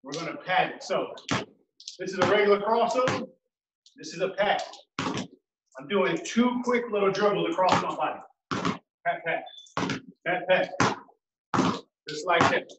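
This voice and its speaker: A man with a high, unhurried voice coaches a dribbling workout, counting reps and shouting cues. He sounds far from the mic in an echoey room, with loud noise behind him. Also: animated, highs cut off. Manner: calls out counts and cues, encouraging. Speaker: basketball coach. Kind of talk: home workout drill instruction.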